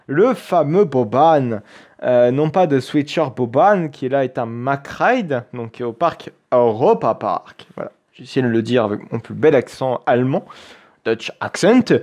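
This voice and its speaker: A man with a somewhat high voice talks through a video game in a relaxed let's-play style. He is chatty and enthusiastic, thinking aloud as he plays. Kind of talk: casual let's-play commentary.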